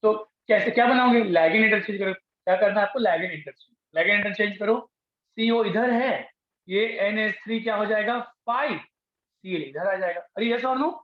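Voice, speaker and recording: A high-pitched male chemistry teacher speaks at normal speed during a classroom lecture, coaxing students and putting his questions to them repeatedly. The recording is echoey and dull.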